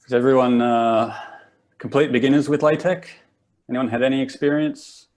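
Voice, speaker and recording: A man's voice: medium pitch, fairly even intonation, normal speed, darkish tone. A young Australian man in his twenties hosting a live workshop in a laid-back, rambling way, often restarting his sentences. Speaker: workshop host. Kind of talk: casual live workshop talk.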